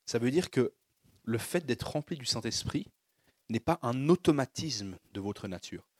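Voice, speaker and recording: A male pastor preaching with a husky, slightly breathy voice and a lively pitch that keeps climbing and dropping. He leads the congregation in call-and-response and drives his points with growing fervor. The sound is dry and close, with little room echo. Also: unhurried. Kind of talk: sermon.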